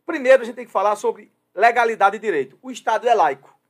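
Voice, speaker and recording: This Brazilian commentator's voice sits high and moves fast. Sharing opinions on his radio or web show, he begins hesitantly, filler-heavy, and ends up emphatic and insistent.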